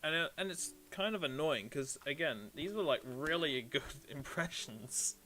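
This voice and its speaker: A man's voice: fairly high pitch, animated, normal speed, bright, forceful tone. A British man streaming a game, chatting casually with viewers in a rambling, self-deprecating way. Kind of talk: casual live-stream chat, answering viewers.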